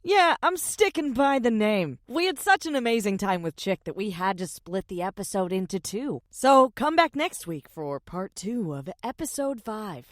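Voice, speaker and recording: A woman's voice: mid-range voice, expressive, normal speed, few pauses, no echo, clean studio sound. A woman podcast host reading the outro of an episode in an upbeat, playful way.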